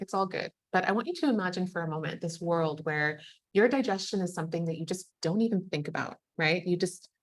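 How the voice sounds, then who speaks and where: Young woman, nutrition coach running a webinar; warm, affirming, chatty; lowish voice, dry close mic. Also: dry recording. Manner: warm, encouraging, affirming, casual filler words. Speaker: nutrition coach teaching an online master class. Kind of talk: live webinar teaching, reading chat comments.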